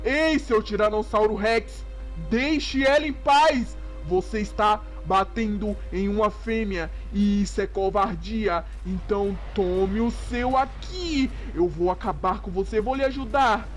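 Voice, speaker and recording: A man voicing a young grown male Tyrannosaurus hero, soft-spoken and earnest. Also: high voice, unhurried, soft background music. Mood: earnest heroic.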